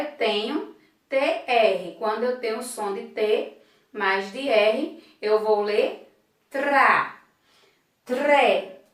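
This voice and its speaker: Slow, patient woman teacher. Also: fairly high pitch, far from the mic. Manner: slow, patient, sounds out syllables one by one. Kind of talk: explaining a grammar lesson. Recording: echoey room, voice off-mic.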